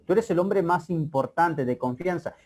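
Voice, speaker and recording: A man's voice: on the high side, moderate pace, darkish tone, natural voice. A male teacher voicing an angry young Inca ruler who scolds with indignant questions.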